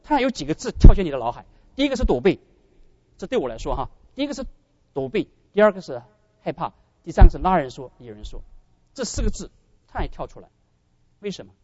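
Animated man preaching a sermon. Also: fairly high pitch, quick pace, pauses often, no room sound, highs cut off. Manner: animated, addresses brothers and sisters, acts out quotes. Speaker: pastor.

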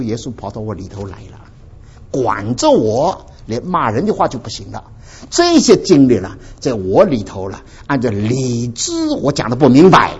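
A male preacher gives a sermon of personal testimony and talks straight to his listeners. His husky voice jumps up and down in pitch as he tells his stories. The recording is dull and lo-fi. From Dinghai, Ningbo area, China. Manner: animated storytelling, addresses the congregation directly.

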